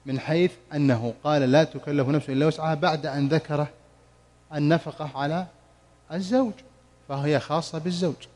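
Male sheikh, mosque lesson, slightly high voice, slow chanted recitation of verses, quizzes the room. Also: darkish tone. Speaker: Quran commentary teacher. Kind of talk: mosque study-circle lesson.

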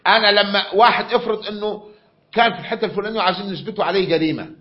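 A man's voice: high voice, fairly even intonation, rapid-fire. A man with an Egyptian accent giving a classroom lecture, often repeating himself and quizzing his students. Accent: Egyptian Arabic. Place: lecture room. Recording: dull lo-fi recording.

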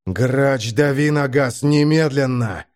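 A man's voice: medium pitch, takes it slowly, a little mellow, lightly acted. A man doing a cold ruthless commander. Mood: commanding.

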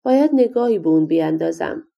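A woman voicing a hungry, blustering male giant from a storybook, with loud booming exclamations. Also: lively intonation, creaky, dull audio. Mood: helpful.

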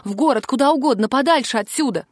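A woman's voice: sits high, quick pace, no room sound, clean studio sound, voice pushed up. Jealous young woman as a woman puts her on, curt and bitter, slightly raised voice, storybook.

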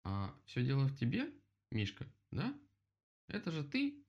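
A man voicing a grumpy, quick-tempered male rabbit in a children's story, whiny and irritable. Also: medium pitch, wildly swooping pitch, gravelly, darkish tone, voice pushed up, heavily acted. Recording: dull lo-fi recording.

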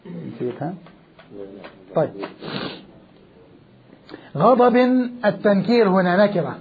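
A man's voice: sits high, big pitch swings, takes it slowly, gravelly. A man giving a Quran commentary lecture, emphatic, repeating key words and asking rhetorical questions. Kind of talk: classroom lecture. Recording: dull lo-fi recording.

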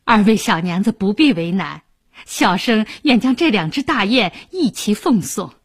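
A woman's voice: mid-range voice, animated, normal speed, slightly rough, dry recording, clean studio sound. A woman storyteller voicing a modest, courteous young male hunter who speaks politely. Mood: generous.

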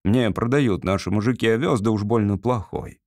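A man's voice: fairly low pitch, moderate pace, a little mellow, no room sound, studio quality, close to an everyday voice. A male reader voicing a polite, friendly country doctor in an audiobook. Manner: courteous and friendly.

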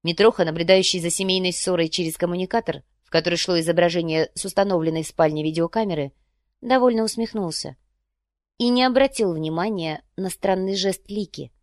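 A woman narrating an audiobook in a steady, even storytelling manner. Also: on the low side, fairly quick, dry recording, clean studio sound. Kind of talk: scripted narration.

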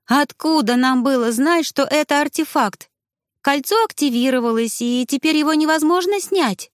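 A woman's voice: sits high, normal speed, no echo, pitched above the performer's own voice, natural voice. An exasperated young medium from a storybook, as a woman reader puts her on, her voice lifted and pushed, every sentence a protest. The recording is dry and close. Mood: flustered protest. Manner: indignant, insistent protests.

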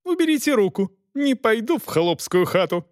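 A man's voice: very high voice, big pitch swings, normal speed, no echo, studio quality, voice pushed up. A man voicing a stubborn, haughty young noblewoman who shrieks with indignation in an audiobook. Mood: shrieking.

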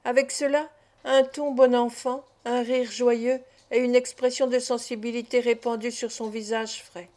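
Woman audiobook narrator, slightly high, mellow, measured literary reading. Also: level tone.

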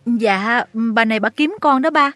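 A voice actor playing a frightened, meek young woman who pleads softly, in a story reading. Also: on the high side, measured pace, soft background music. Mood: pleading. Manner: soft, pleading.

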